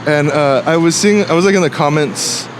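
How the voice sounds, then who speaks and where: A young man in relaxed casual chat, agreeable and full of fillers. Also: fairly high pitch, normal speed, noisy background.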